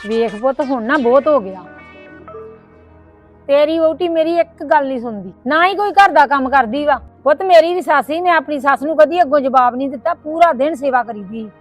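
A woman playing a high-voiced bossy mother-in-law. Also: animated, fairly quick, faint music behind. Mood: complaining. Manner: scolding, tearful complaining. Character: bossy scolding mother-in-law, later softens. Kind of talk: family skit acting.

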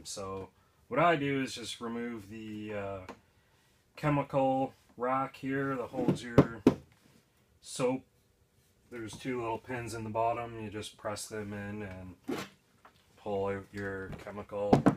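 A young DIY video host films himself crouched at work in an indoor garage or shed, casually explaining a repair step by step. His medium-pitched voice is plain, unhurried, and practical, with frequent fillers, and there's slight background noise.

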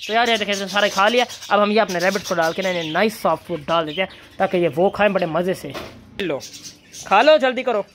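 A man's voice: high-pitched, fast talker, background noise. A young man chatting casually as he feeds his birds and rabbits, coaxing the animals between remarks. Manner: chatty, calls and coaxes animals while feeding. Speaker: vlogger and bird keeper. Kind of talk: casual farm vlog narration.

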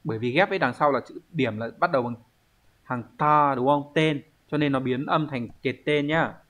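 A Japanese teacher, a man with a mid-range, slightly bright voice, gives an online language lesson. He explains things step by step at an unhurried pace, pausing as he thinks aloud.

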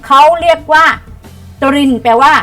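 A middle-aged woman teaches primary pupils in an online lesson, her voice a little high. She coaxes them gently and spells out each word slowly so they can say it back. Faint music plays under her voice. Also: fairly even intonation. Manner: warm coaxing teacher talk, reads words aloud slowly for pupils to repeat.

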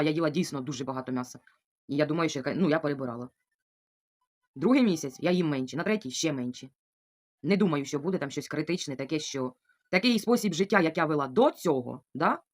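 A fast-talking, chatty woman with a low voice answers viewer comments in a casual chat to camera at home. She's confiding and keeps asking the viewer "you know?"

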